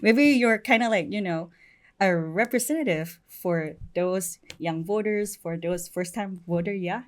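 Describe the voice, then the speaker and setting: A woman in her twenties hosts a casual talk show interview, giggly and informal. Her voice is fairly low and a little slow.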